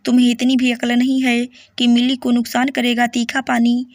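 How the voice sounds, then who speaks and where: A woman's voice: fairly high pitch, monotone, moderate pace, no room sound, studio quality, natural voice. A woman voicing a scolding middle-aged mother-in-law in a story read-aloud. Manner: sharp, scolding.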